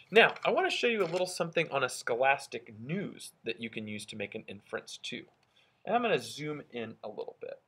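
Expressive, husky male schoolteacher, higher-pitched. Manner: expressive, instructional, thinking aloud for children. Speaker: elementary school teacher. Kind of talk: recorded children's lesson, reading aloud and explaining. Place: indoors at a school, at a wooden desk.

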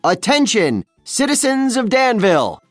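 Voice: medium pitch, sing-song, measured pace, no room sound, soft background music. A reader doing a melodramatic evil scientist. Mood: grandstanding. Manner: exclaiming, melodramatic. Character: theatrical evil male scientist, pompous schemer.

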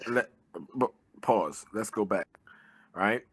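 A man's voice: fairly low pitch, takes it slowly, husky, no echo. A man talks in a loose, casual way, full of "you know" and swearing. His voice is dry and close, picked up by a webcam and earbuds in a living room during a video call. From born in Jamaica, raised in Brooklyn. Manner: loose, conversational, swears freely, many fillers. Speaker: guest, army veteran and pro boxer.

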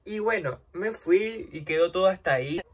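In a vlog, a young woman with a Rioplatense Spanish accent does her makeup while telling a dramatic, slangy story. Her intonation is lively and her pace normal, and she swings between loud outbursts and low asides.

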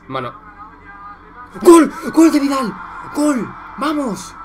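A young man from Spain with a Spanish accent, reacting live to a football match, excitable and profane, shouting at goals and muttering in between, talking to his viewers like friends. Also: high-pitched, noisy background.

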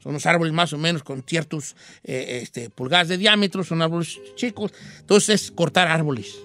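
A man's voice: fairly high pitch, moderate pace, sharp tone, soft background music. A male radio host with a Mexican Spanish accent tells a comic folk tale in a chatty, slangy way and makes his own sound effects. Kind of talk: comic folksy storytelling.

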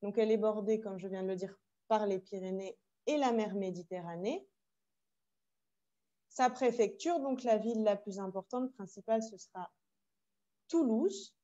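A French woman teaching a French class online, explaining slowly and carefully with asides in Spanish. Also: mid-range voice, warm tone, highs cut off. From France. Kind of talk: online language workshop. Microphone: video call.

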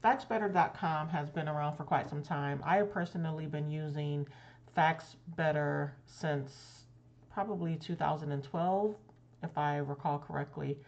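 A woman's voice: low-pitched, normal speed, a little mellow, muffled recording. A woman with a lisp from braces on her teeth, speaking as a consultant and channel host giving a casual recommendation. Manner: careful effort to articulate clearly.

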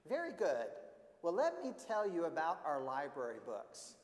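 A man's voice: on the high side, huge pitch swings, a little slow. A man doing Missus Chinka, cheery alligator librarian. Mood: welcoming. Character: friendly female alligator librarian, eager and warm. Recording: echoey church hall.

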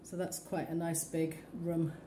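With a mellow voice that sits low and stays level, a woman estate agent talks a little slowly while showing a phone camera around a bare, neglected townhouse. Her commentary is practical and matter-of-fact, and the empty rooms echo over faint ambience and slight background noise.

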